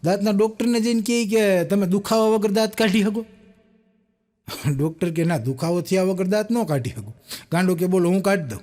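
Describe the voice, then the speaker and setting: A man's voice: sits high, lively intonation, fairly quick, darkish tone. A young man, telling jokes as comic stories and acting out the people in them. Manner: acts out the people in each joke, with punchlines. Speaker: stand-up joke teller.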